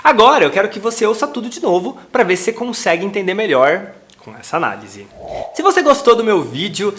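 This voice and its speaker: Lively, animated Brazilian man teaching. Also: sits high. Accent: Brazilian Portuguese. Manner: animated and chatty, addressing viewers directly. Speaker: English pronunciation teacher. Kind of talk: playful video lesson on song pronunciation.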